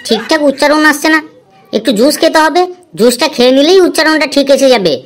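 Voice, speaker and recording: Bragging young cartoon guy cramming, woman doing the voice, hums a lot, highish. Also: quick pace, a little hiss or hum, natural voice. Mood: boastful. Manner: bragging, reciting rhymes with hums. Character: boastful cramming young man studying. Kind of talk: cartoon voice acting.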